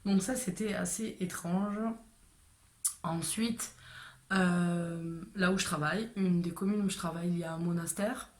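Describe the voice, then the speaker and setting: Femme à la voix grave, hésitante. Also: female voice, fairly low pitch, steady tone, unhurried. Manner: hesitant, many fillers and restarts. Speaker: channel host telling a personal story. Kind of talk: casual storytelling to camera.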